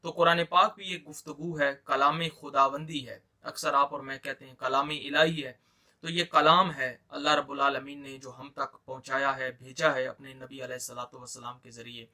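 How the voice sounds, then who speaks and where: A man's voice: mid-range voice, steady tone, moderate pace, bright, forceful tone. A man with an Urdu accent teaching Quran reading, explaining patiently and repeating points for emphasis. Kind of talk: explaining lesson.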